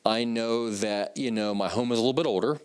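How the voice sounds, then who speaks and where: Man hosting an infomercial, mid-pitched voice. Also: fairly quick, clean tone. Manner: conversational, leading questions. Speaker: infomercial host. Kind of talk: infomercial interview and presenting.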